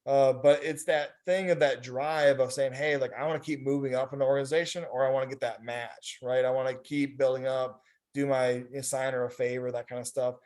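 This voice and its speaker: A man moderating a focus group over video speaks in a steady, brisk, mid-range voice with a slightly mellow quality, and his casual talk wanders, full of "you know" and similar fillers.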